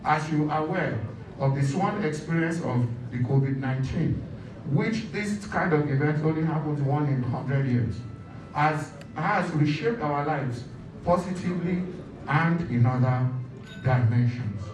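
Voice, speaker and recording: A man with a Nigerian accent giving a slow, formal speech as a government adviser. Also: on the high side, roomy sound, recorded from a distance, background noise.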